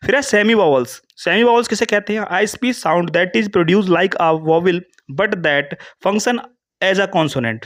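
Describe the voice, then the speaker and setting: A man with an Indian English accent teaching an English grammar lesson in Hindi, explaining step by step and reading English definitions slowly. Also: high voice, fairly bright tone. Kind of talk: classroom lecture in Hindi mixing English terms.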